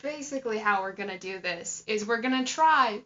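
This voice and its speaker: A woman's voice: mid-range voice, expressive, normal speed, bright, forceful tone. A young woman co-hosting a casual podcast, rambling and jokey with a curious manner. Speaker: podcast co-host. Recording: dull lo-fi home recording.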